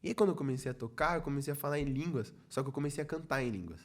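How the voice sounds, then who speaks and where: Here a young man from Brazil, a leader of his church's youth ministry, recounts his faith story as a podcast guest at a racing pace and a medium pitch. The chat is casual, and he performs each quoted line himself, often saying "falei assim".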